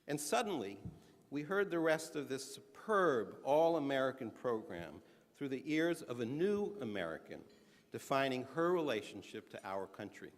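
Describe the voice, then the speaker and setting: A man giving a measured, earnest speech at a conference, stressing his points, now and then restarting a phrase. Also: medium pitch, very animated. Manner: earnest, measured, emphatic delivery with occasional restarts. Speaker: conference speaker. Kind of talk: prepared speech to an audience. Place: conference hall. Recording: large hall with long reverb.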